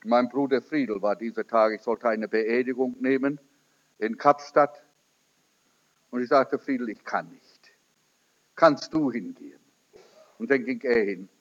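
A man's voice: unhurried, long pauses. A man preaching a sermon, telling a testimony as a story and quoting the people in it. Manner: storytelling, quoting in lowered voice, rising emphatic peaks. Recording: dull lo-fi recording.

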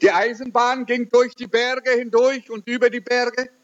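Man preaching slow n earnest, high lively voice, dull lo-fi sound. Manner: slow, earnest storytelling with sweeping pitch. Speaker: missionary preacher. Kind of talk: sermon with testimony. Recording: dull lo-fi recording.

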